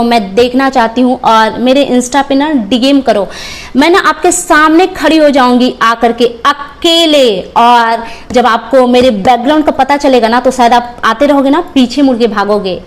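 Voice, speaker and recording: A young woman from Bihar giving roast reaction commentary, talking in a confrontational, mocking, scolding way. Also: sits high. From Bihar, India. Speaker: reaction channel creator.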